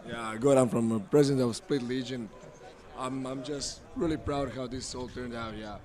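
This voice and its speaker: A man's voice: mid-range voice, fairly even intonation, normal speed, a little mellow. A man, a club president, speaking as a guest in a modest, slightly hesitant way. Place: outdoors at a sports field. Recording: distant mic outdoors with crowd behind.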